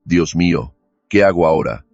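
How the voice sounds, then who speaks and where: A man's voice: sits low, normal speed, vocal fry, no echo, full character voice. A man voicing a shaken young woman lawyer whose husband has just died, speaking with a tense, trembling restraint. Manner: tense, shaky, flat even when upset. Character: anxious young woman lawyer, newly widowed. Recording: dull lo-fi recording with faint music.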